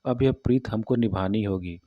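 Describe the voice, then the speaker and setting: A man's voice: on the low side, moderate pace, mellow, natural voice. A man voicing an innocent, devoted young village woman who speaks simply and artlessly in a storybook reading. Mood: tender. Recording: dull, muffled audio.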